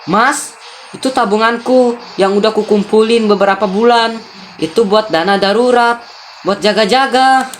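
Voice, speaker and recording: A woman's voice: a little high, moderate pace, a little hiss or hum, pitched above the performer's own voice, close to an everyday voice. A woman voicing a pleading, hurt young wife. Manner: pleading, tearful, raised voice.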